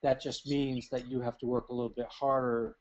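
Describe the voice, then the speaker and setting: A man giving feedback as an academic thesis advisor, measured and halting, repeating phrases for emphasis. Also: medium pitch, flat delivery. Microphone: remote call. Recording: dull call audio with noticeable noise.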